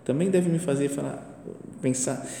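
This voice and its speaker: A man's voice: mid-range voice, measured pace, creaky, mellow, a little hiss or hum. A man preaching a spiritual meditation in a conversational way, with many rhetorical questions and short asides. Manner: acts out imagined voices in quotes. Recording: echoey hall with faint ambience.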